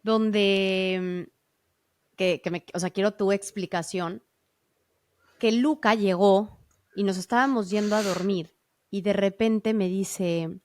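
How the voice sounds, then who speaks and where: A woman's voice: medium pitch, fairly even intonation, takes it slowly, darkish tone. A woman hosting a podcast, telling a personal story casually, with lots of fillers and self-corrections. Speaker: podcast host.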